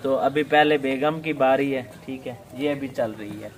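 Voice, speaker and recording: Medium in pitch and moderate in pace, this young Pakistani man hosts a relaxed village vlog out of doors. He's chatty with his viewers, laughs a lot, and keeps repeating "okay."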